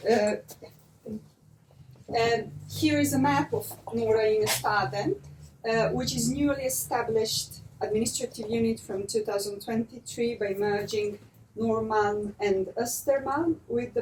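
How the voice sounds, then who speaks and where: A woman's voice: medium pitch, darkish tone, a little hiss or hum. Woman presenting from afar. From Serbia. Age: young adult. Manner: measured, with frequent uh fillers. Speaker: master's student presenter. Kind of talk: project presentation. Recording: distant room mic, faint ambience.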